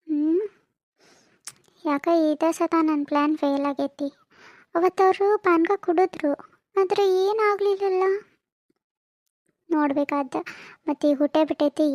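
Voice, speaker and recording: A woman's voice: a little mellow, dry recording, studio quality. Scheming jealous village woman. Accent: North Karnataka Kannada. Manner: low bitter muttering. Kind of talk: cartoon family comedy voice acting.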